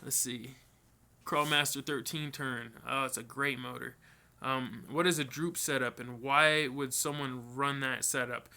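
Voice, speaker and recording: A man with a medium-pitched voice speaks at a measured pace while hosting a live stream. He answers viewer questions casually, in a relaxed and rambling way, full of ums and restarts.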